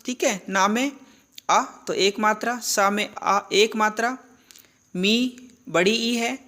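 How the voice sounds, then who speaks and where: Slow, deliberate woman teaching grammar. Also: medium pitch, fairly bright tone. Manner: asks questions and answers them herself; slow and deliberate, repeats key terms. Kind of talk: classroom-style lesson.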